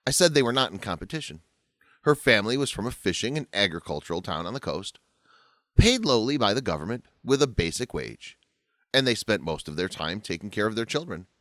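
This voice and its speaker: A man narrates a scripted story with a lowish voice that rises and falls a lot. The recording is close and dry, with no room sound. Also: big pitch swings, brisk, fairly bright tone, no echo.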